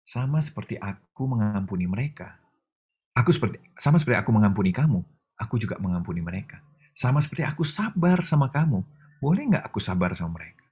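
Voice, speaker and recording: A man voicing God as a calm, patient father gently reproving his child, with a soft, measured delivery. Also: fairly low pitch, slightly rough, full character voice. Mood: gentle.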